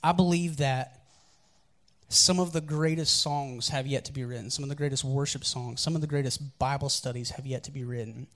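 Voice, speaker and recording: A man's voice: mid-range voice, fairly even intonation, moderate pace, fairly bright tone. A man preaching a sermon as pastor, telling candid personal stories in a conversational, earnest way.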